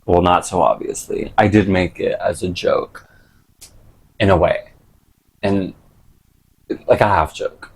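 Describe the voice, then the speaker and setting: A man's voice: low voice, fairly even intonation, slow pace, long pauses, breathy edge. A man chatting casually and rambling to camera in an unfiltered, slangy, sweary way. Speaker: vlogger.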